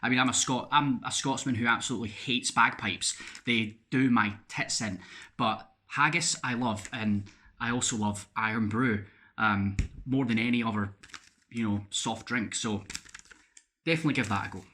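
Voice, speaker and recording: A man's voice: medium pitch, steady tone, normal speed, sharp tone. A Scottish man in a casual video diary, chatty, with frequent fillers and repeated words. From Scotland. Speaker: vlogger.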